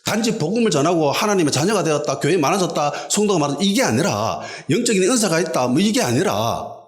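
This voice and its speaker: A pastor delivers an expository sermon. He is emphatic and animated, with a lively, swinging pitch, and repeats key lines to drive them home. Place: church in a basement hall.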